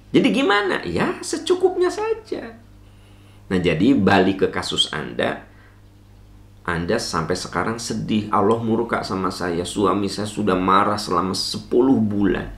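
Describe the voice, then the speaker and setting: A man with a low voice preaches with a light tinge, his pitch leaping high and dropping low. He leans on rhetorical questions and gentle counsel. The sound carries a roomy echo. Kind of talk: sermon answering a listener's question.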